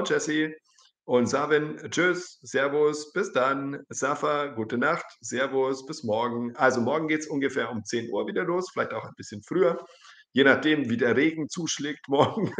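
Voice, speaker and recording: A man's voice: medium pitch, roomy sound. A man teaching German in a casual live-stream, reading out viewers' comments, correcting them and saying goodbye to each by name. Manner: friendly, repeats viewers' sentences and corrects them; says goodbye to viewers one by one.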